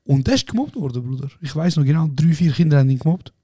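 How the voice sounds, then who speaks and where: A Swiss German man with a fairly high but mellow voice tells animated, slangy stories in casual podcast chat. The recording is dry and close. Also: very fast, dry recording. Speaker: podcast co-host. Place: podcast studio.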